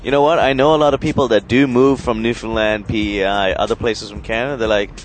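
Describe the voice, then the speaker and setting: Interviewee, male, from Sri Lanka, lowish voice, animated and rambling. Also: fast talker, faint music behind, poor audio. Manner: animated, proud, rambling with fillers. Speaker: interviewee, local resident. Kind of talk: casual interview talk.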